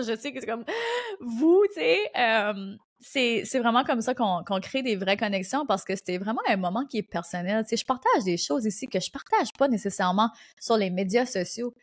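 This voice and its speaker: A woman with an Acadian French accent hosting her own podcast, giving casual, energetic business advice at a fast clip. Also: a little high. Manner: fast, animated, energetic talk. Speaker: podcast host and business coach. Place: indoor recording studio.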